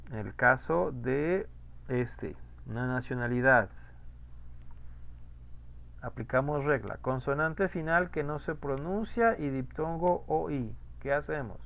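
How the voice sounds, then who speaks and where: A man's voice: medium pitch, expressive, slow pace, gravelly, narrow, tinny audio. A man teaching French pronunciation in an online class, patiently repeating rules and asking students questions.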